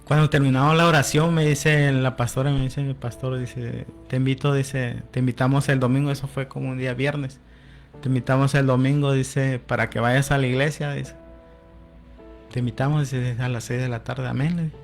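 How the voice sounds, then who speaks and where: A man's voice: mid-range voice, level tone, moderate pace, vocal fry, soft background music. A man telling his personal testimony as a radio guest, often adding "amén" and quoting conversations. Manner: storytelling, with frequent "amén" and quoted dialogue.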